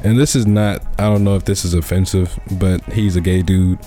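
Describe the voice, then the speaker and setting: A man's voice: deep voice, steady tone, moderate pace, warm tone, soft background music. A man hosting a casual podcast, laid-back and slangy, laughing often. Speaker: podcast host.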